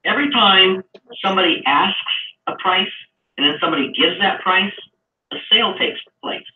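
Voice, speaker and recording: A man's voice: high voice, moderate pace. A man teaching a live trading session in a chatty way, explaining through long everyday comparisons. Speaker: trading instructor. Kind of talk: live online trading lesson. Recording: echoey, far from mic, tinny lo-fi sound with faint noise.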